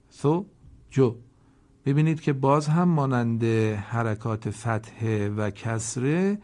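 A male teacher leads a slow Quran reading lesson, breaking each word into single letters and vowel marks before reading it whole. He speaks politely and formally, as if addressing a class directly. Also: mid-range voice, a little mellow. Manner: spells out letters and vowels one by one, then reads the whole word slowly.

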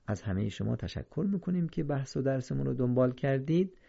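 A man teaching Quranic reading in a careful, explanatory lesson, slowing down when he quotes verses. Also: medium pitch, expressive, vocal fry, dark tone, lo-fi sound. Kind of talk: instructional lesson.

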